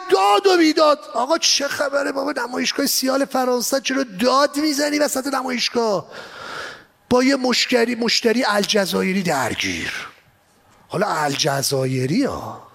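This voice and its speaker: A man giving an animated seminar lecture on exporting, asking rhetorical questions and mixing in English phrases. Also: sits high. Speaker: export trainer. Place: exhibition hall.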